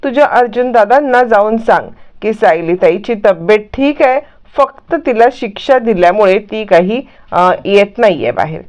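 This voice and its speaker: A woman's voice: mid-range voice, lively intonation, moderate pace, darkish tone, natural voice. A woman voicing a patient grown woman. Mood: questioning. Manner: explaining patiently to a child. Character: knowing adult woman explaining things to a boy. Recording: muffled lo-fi recording.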